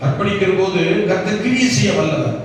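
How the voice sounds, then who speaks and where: A man's voice: high voice, big pitch swings, fairly quick, a little hiss or hum. A male pastor preaching a sermon in a church, firing off rhetorical questions and building to emphatic calls. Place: church hall. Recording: echoey church hall, mic from far off.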